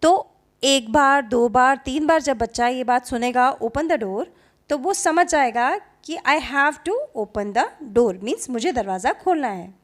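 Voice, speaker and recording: A woman with a high, light voice leads a patient home-teaching lesson. She works through it at an unhurried pace, repeating each model sentence and mixing Hindi with English words. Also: lively intonation. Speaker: YouTube teacher.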